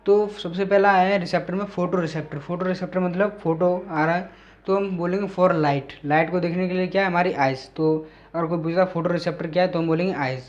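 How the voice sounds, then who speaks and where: A man with a fairly high voice lectures on biology in a lesson video. He reads textbook definitions in English at a slow, careful pace and then explains them in Hindi, often pausing on fillers as he searches for words. The sound is dull and lo-fi. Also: fairly even intonation. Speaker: teacher.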